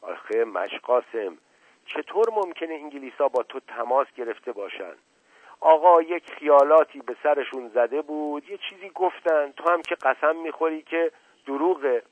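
A man's voice: a little high, lively intonation, no echo, voice pushed up. A male narrator voicing a worldly middle-aged prince who coaxes and persuades, on a tinny lo-fi radio recording. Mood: coaxing. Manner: coaxing, persuasive.

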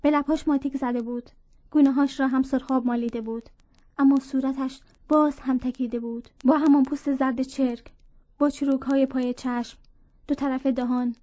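A woman reading a story aloud in a measured narrating voice, speaking dialogue within the tale. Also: sits high, steady tone, mellow, dry recording. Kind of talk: audiobook narration.

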